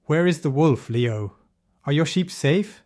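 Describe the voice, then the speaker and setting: A man's voice: a little high, animated, measured pace, a little mellow, pitched above the performer's own voice. A man voicing a group of kind, tired villagers in a children's storybook, speaking earnestly and pleading. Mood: worried.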